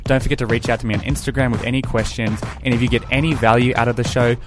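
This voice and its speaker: Young man, podcast host, rapid speech, music bed. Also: medium pitch, steady tone. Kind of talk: podcast interview.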